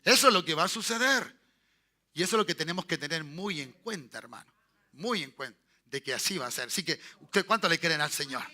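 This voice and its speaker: This Chilean pastor delivers his sermon in a fairly high, animated, brisk voice. He tosses short tag questions to the congregation, repeats and restarts phrases often, and breaks into loud praise.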